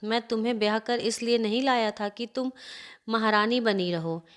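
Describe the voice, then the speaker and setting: A woman's voice: on the high side, fairly even intonation, normal speed, clean tone, close to an everyday voice. A woman voicing a young husband who harshly scolds his wife in a family story. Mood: angry. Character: angry shouting young husband.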